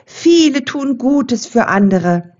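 A gentle young doe from a storybook speaks softly and earnestly, as a woman puts her on. Her voice is slow and lively in pitch.

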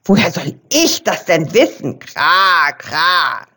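A gruff male raven from a storybook croaks and grumbles his way through each sentence, as a woman puts him on. His voice sits low and carries a lively, rising-and-falling lilt. He sounds a little distant, as if calling from a branch. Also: slow, exaggerated voice. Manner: croaks "kra" between sentences. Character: croaking, grumpy know-it-all male raven.

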